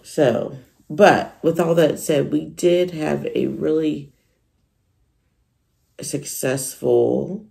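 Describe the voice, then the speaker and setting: This woman vlogger is tired and losing her voice as she chats loosely with viewers about her resale business. She talks extremely slowly with frequent pauses, in a low, mellow voice with vocal fry and fairly even intonation.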